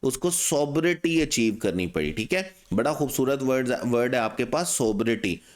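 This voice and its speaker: Man, English teacher, exam-prep lesson, medium pitch, asks and answers his own questions. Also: expressive. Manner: asks rhetorical questions and answers them himself; reads English test sentences slowly and deliberately.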